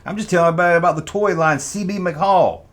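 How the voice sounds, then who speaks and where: A folksy man hosts a toy review, his voice high, fast, and a bit bright. He chats casually, repeats himself, and drops playful CB slang. There's faint background noise in the recording.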